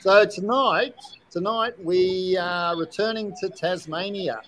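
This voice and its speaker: High-voiced Australian man hosting from a shed. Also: takes it slowly, fairly bright tone, a little hiss or hum. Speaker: host of an online group chat show. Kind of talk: casual live chat.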